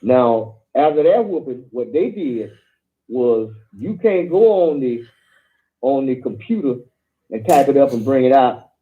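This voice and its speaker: A male caller's voice comes over a tinny phone line. He speaks at a middling pitch for a man and rambles through his stories, pausing on fillers as he goes. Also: lively intonation. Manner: rambling storyteller, halting with fillers. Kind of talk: phone-in talk.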